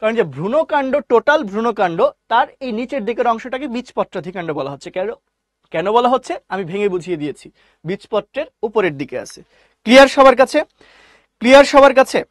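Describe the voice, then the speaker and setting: A man teaching a live online biology class, repeating key terms slowly and quizzing his listeners. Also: high voice, animated, no echo, studio quality.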